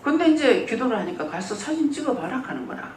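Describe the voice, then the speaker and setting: A pastor preaching a sermon in a church, telling stories and acting out what people said. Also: fast. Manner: lively storytelling, acts out quoted speech. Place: church sanctuary. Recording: roomy church hall, mic at a distance, faint rumble.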